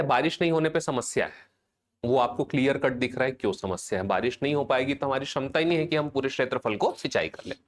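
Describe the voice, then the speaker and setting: Guy teaching an exam class, chatty, keeps asking if students got it. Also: medium pitch. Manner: call-and-response drilling, chanting mnemonics slowly; conversational, checks in with students often. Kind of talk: live online class lecture.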